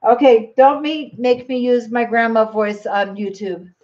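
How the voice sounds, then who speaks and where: A woman's voice: a little high, steady tone, a little slow, darkish tone, lo-fi sound. A grandmother hosting a cooking livestream from her home kitchen, chatting casually and speaking straight to her viewers.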